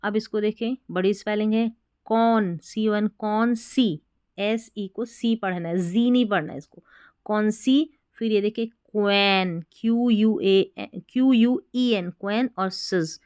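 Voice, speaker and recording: A woman's voice: mid-range voice, unhurried, a little mellow, clean tone, dry recording, studio quality. A woman with a Hindi accent teaching English pronunciation, spelling out words letter by letter and explaining each one patiently. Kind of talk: slow spelling and pronunciation lesson.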